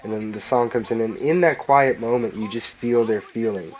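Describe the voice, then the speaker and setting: A filmmaker chats enthusiastically through a director's commentary track, peppering his talk with "like" and laughter. His voice is mid-range and a little mellow, at a moderate pace.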